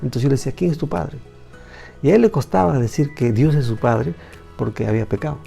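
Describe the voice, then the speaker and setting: Gravelly man teaching Bible. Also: mid-range voice, animated, quick pace, warm tone, soft background music. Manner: repeats phrases for emphasis.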